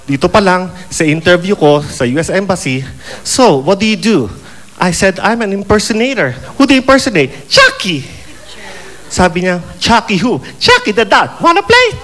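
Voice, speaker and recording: Campy guy doing stand-up, fairly high voice, swoops all over, croaks like a frog for laughs. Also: animated, normal speed, a bit bright. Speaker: stand-up comedian. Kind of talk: stand-up comedy storytelling. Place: comedy bar stage.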